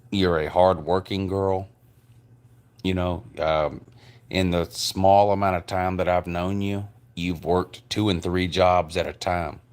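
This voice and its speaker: A man who sounds drunk, slurring his words in a halting, repetitive, rambling personal rant. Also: low voice. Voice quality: slurred speech. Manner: halting, repetitive, drawn-out delivery.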